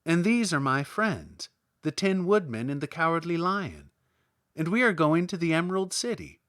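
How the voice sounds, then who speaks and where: A man's voice: a little high, animated, moderate pace, fairly bright tone, no room sound, clean studio sound. Eager young storybook girl, polite, raised lilting voice , acted by a man. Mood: earnest.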